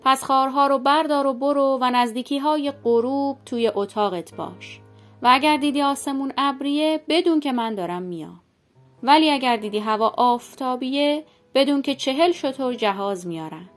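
A woman's voice: high-pitched, soft background music, close to an everyday voice. A woman voicing a male talking snake in a folk tale, speaking in a demanding, threatening way. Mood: commanding.

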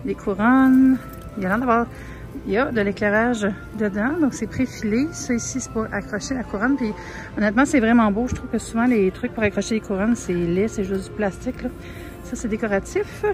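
Filming herself on a handheld phone, a young Québécois French-accented vlogger browses a big grocery store and chats casually, with plenty of fillers and soft asides. Her fairly high voice moves briskly over faint store music, and the audio is poor.

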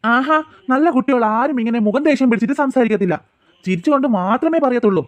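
A man's voice: very high-pitched, no room sound. A man voicing a jokey cartoon dad. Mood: teasing. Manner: jokey, coaxing, quick talk. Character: easygoing father of two girls, teasing. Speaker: father.

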